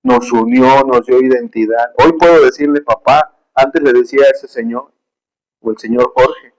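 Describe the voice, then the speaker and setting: A man's voice: medium pitch, expressive, normal speed, poor audio. A man preaching a sermon with emotion and emphasis, telling personal stories, reading scripture aloud and calling his listeners brothers.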